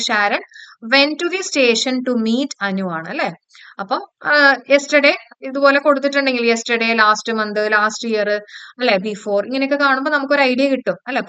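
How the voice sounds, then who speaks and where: A woman teacher giving an online exam-prep lesson, walking through grammar questions. She quizzes her listeners, checks that they follow and repeats key rules slowly to drill them in. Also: on the high side, bright, forceful tone, clear, resonant tone, no echo. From Kerala, India.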